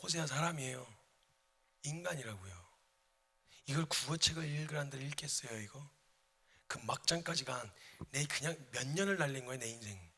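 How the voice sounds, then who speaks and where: Husky, bright-voiced man preaching dramatically. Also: medium pitch, lively intonation, normal speed, long pauses. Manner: emphatic, dramatic, addresses the congregation. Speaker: missionary preacher. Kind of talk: sermon. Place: church sanctuary. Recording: reverberant church hall.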